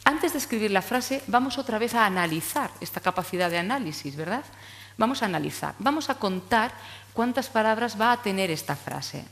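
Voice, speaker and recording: A woman's voice: medium pitch, expressive, a little fast, fairly bright tone. Woman lecturing in a reverberant hall. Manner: explanatory, frequent tag questions. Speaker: speech therapy lecturer. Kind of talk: conference talk to teachers. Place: conference hall.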